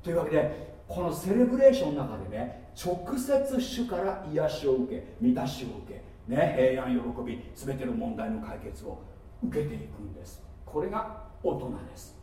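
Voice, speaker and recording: Male pastor, high and animated, emphatic sermon delivery, recorded from far off in a booming hall. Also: moderate pace, a little hiss or hum. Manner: emphatic, asks the congregation questions. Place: church hall. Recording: echoey hall, mic set far off.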